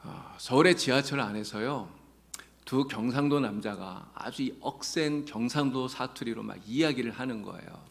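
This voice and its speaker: Standing in the church sanctuary, a pastor earnestly teaches his congregation and mixes in folksy jokes along the way. He speaks at a normal speed in a gravelly, mid-range voice.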